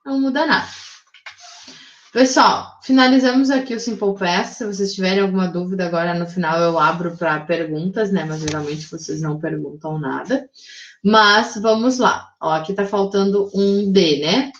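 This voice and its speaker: A Brazilian woman teaching an English grammar lesson to her class, reading example sentences slowly and checking in with "tá?" and "né?". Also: medium pitch. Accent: Brazilian Portuguese. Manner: explains slowly, reads English examples very slowly, adds "tá?" and "né?". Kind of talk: recorded remote class lesson. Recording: echoey room, dull lo-fi audio.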